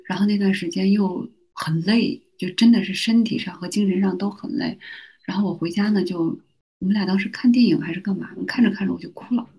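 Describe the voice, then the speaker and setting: A middle-aged woman, a university teacher, telling personal stories as a guest on a podcast, in a soft-spoken, reflective way with many small restarts. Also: medium pitch, fairly quick, slightly rough. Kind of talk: conversational storytelling.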